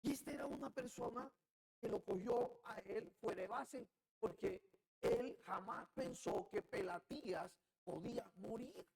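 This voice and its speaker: A male Colombian Caribbean preacher with a gravelly edge to his voice, delivering a sermon in an unhurried way. He drops to a low, musing tone and then bursts into loud, shouted cries. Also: huge pitch swings, low-quality recording. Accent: Colombian Caribbean Spanish. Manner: swings from quiet musing to loud shouted outbursts. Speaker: pastor.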